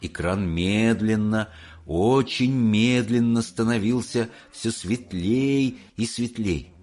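A man narrating an audiobook in an expressive, measured reading. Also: lowish voice. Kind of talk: scripted narration.

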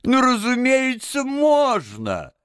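A man voicing a kindly, fussing gentleman motorist who speaks with solicitous, hearty exclamations in an audiobook. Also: mid-range voice, huge pitch swings, a little slow, dry recording, clean studio sound.

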